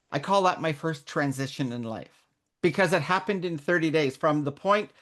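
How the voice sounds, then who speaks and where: A middle-aged woman raised in Canada, speaking as a guest mentor in a candid interview, earnest and reflective, often restarting her sentences. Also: deep voice. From born in Northern Ireland, raised in Canada.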